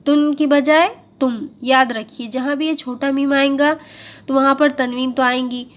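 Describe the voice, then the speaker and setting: A woman teaching Quran recitation in a patient, step-by-step tajweed lesson, drawing out words slowly as models and then explaining them. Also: high-pitched, fairly even intonation. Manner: slow, drawn-out model recitation between explanations; patient, repeats and checks understanding.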